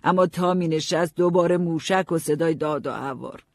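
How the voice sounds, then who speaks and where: A man narrating a story in the first person, calm storytelling. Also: a little high, no room sound, studio quality. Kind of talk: audiobook narration.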